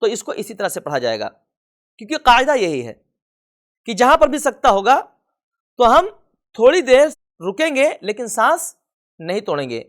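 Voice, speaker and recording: A man teaching a recorded tajweed lesson, patiently repeating each rule and reciting the examples slowly and drawn out. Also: extremely high pitch, huge pitch swings, a bit bright. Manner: slow, drawn-out recitation of examples between plain explanation. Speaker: Quran reading teacher.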